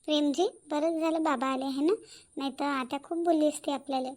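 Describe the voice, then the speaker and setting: Woman voicing a meek young bride, cartoon, very high-pitched, polite. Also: fairly even intonation, brisk, darkish tone, lightly acted. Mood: timid. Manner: meek and explaining. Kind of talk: cartoon voice acting.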